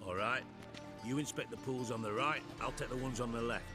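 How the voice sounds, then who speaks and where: An actor playing a gruff middle-aged spymaster, brusque, sarcastic and commanding. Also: male voice, mid-range voice, brisk, music in the background, natural voice. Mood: sardonic.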